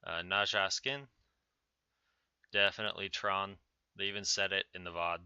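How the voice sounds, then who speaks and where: Deep-voiced man, casual gaming commentary. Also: fairly even intonation, moderate pace, bright, forceful tone, clear, resonant tone, no room sound. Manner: informal, offhand. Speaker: gaming video host. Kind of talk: casual patch notes commentary. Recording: dull, narrow-band sound.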